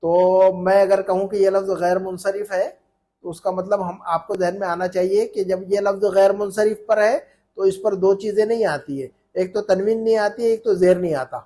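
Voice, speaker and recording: A man's voice: high-pitched, fairly even intonation, moderate pace, warm tone. A man teaching an informal online Arabic lesson, patiently explaining and repeating points and often checking with "है ना?".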